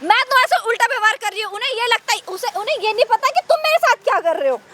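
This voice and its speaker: Actress for a defiant young wife in a short drama: very high, fast, bright, indignant and pleading. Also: female voice, expressive, noisy background. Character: young married woman defying her husband's uncle. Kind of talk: amateur short-drama acting.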